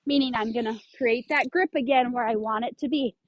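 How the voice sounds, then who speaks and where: A woman's voice: fairly high pitch, a little fast, no echo, highs cut off. A woman dog trainer explaining leash handling step by step, giving firm short commands to a dog. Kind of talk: instructional demonstration.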